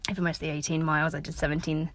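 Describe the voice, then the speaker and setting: A woman gives a casual, unscripted update for a running vlog. Her voice is on the low side, with some faint noise behind her. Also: level tone, very fast, a bit bright. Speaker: amateur runner vlogging. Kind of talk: casual chat to camera.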